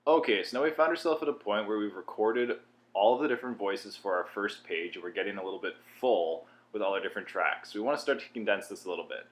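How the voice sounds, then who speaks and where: A low-voiced man talks fast through a software tutorial, explaining each step casually, as if helping a beginner along.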